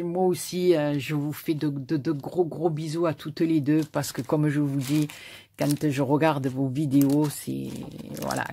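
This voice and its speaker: A woman's voice: low voice, creaky, mellow, a little hiss or hum. A woman with a southern French accent chatting casually as she opens her mail, effusive and often repeating herself. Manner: effusive, repeats words and stammers. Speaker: craft YouTuber. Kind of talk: casual mail-opening video.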